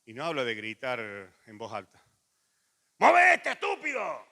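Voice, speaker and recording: A middle-aged man with a Rioplatense Spanish accent preaching a sermon, moving from lively anecdotes to hushed, earnest appeals. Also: medium pitch, brisk. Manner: animated storytelling with laughs, then quiet intimate pleading. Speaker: pastor.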